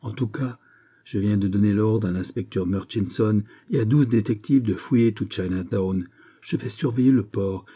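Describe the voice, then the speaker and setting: A man's voice: lowish voice, moderate pace, warm tone, husky. A man reading an audiobook, voicing an agitated police chief giving an urgent report. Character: agitated middle-aged male police chief. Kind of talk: audiobook character voice.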